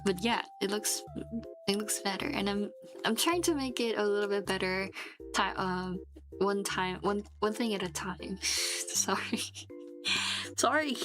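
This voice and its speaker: Over background music, a sick vtuber with a fever and dry throat rambles in casual stream chat, her mid-range voice unhurried and broken by long pauses. She restarts often and laughs a lot as she goes.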